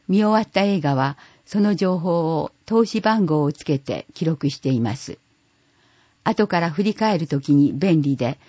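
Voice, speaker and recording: A steady, measured voice reads an audio newsletter aloud, dark and a little husky. The recording is dull and lo-fi, with no room sound around it. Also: mid-range voice, no echo. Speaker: reader of a newsletter for the blind.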